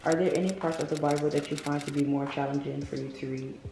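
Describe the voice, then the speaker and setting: A woman's voice: sits low, steady tone, quick pace, vocal fry. A young adult woman asking questions from off camera, in a dry, matter-of-fact way. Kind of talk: off-camera interviewer. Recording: roomy room, faint noise, off-mic.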